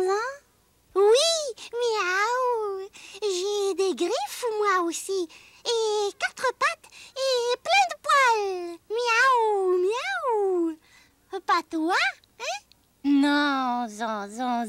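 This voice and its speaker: A woman's voice: very high-pitched, animated, very slow, very noisy, heavily acted. A woman voicing a small, lost young hoofed animal that chants rhyming nonsense syllables in a sing-song way. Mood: wistful.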